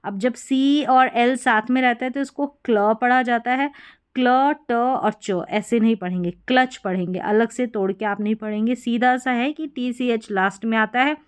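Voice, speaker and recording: A woman's voice: a little high, normal speed, hardly any pauses, clean tone. A woman teaching English spelling to beginners, patiently repeating each word and asking learners what to read.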